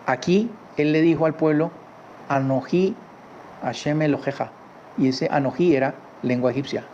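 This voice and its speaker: A man teaching a religious lesson from his home in a conversational way, often adding quick tag questions. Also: fairly high pitch, a little mellow. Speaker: Torah teacher. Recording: slightly dull recording with faint background noise.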